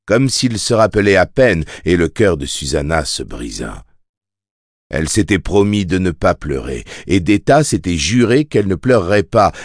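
A man narrating a novel as an audiobook in a measured, even storytelling manner. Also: low voice, no echo, studio quality. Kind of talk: scripted narration.

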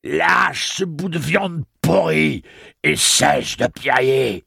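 Give the listener a hardened wanderer with a deep, very husky voice, stern and commanding, read by a man. He speaks slowly and solemnly, with a gravelly grit. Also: expressive, fairly bright tone, exaggerated voice. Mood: shouting.

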